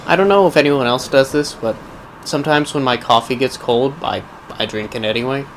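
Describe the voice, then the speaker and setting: A man hosting a gaming video rambles casually through gameplay commentary, musing wryly as though talking to himself. His medium-pitched voice is a bit bright and fairly quick, with clearly noisy background sound under it.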